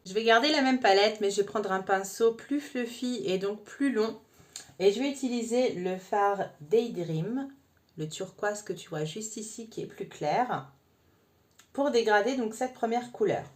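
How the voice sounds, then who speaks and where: A woman's voice: mid-range voice, darkish tone. A woman talking the viewer through a makeup tutorial in a chatty, informal way. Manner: chatty, addresses viewer informally with frequent "hein". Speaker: makeup vlogger.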